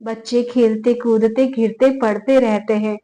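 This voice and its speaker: A meek elderly mother-in-law answers in a low, soft murmur, voiced by a woman narrator. She pleads gently rather than argues. Her voice sits on the high side. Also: steady tone, unhurried, close to an everyday voice.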